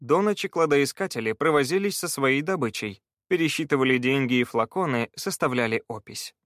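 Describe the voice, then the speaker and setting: Man, audiobook narrator, measured fantasy storytelling, mid-pitched, dry close sound. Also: expressive, a bit bright, no room sound.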